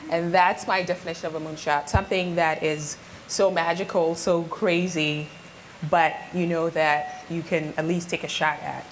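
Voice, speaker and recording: A woman who grew up in Ghana tells her story as a panel guest at a live event. She speaks earnestly in a measured way, with a fairly low voice and faint room noise around her. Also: little pitch movement, low-quality recording. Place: event stage before an audience.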